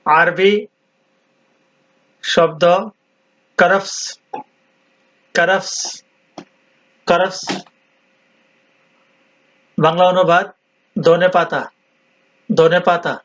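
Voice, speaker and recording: A man with a high voice teaches vocabulary at a very slow pace. He says each word again and again, with long pauses between repeats. The recording sounds dull and muffled. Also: fairly even intonation, a bit bright, slight background noise. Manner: repeats each word several times, deliberate. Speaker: language teacher.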